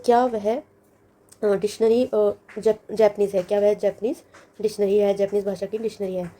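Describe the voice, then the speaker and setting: Woman teacher, very dark mellow tone, patient step-by-step explainer, repeats words with meanings. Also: mid-range voice, little pitch movement, normal speed. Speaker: language teacher. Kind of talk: lesson walkthrough.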